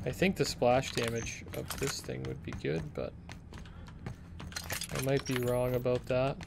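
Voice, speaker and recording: Male let's-play commentator, middle pitch, laid-back and thinking aloud, over noisy game audio. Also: measured pace, vocal fry. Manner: relaxed, thinking aloud while playing. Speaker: gameplay commentator.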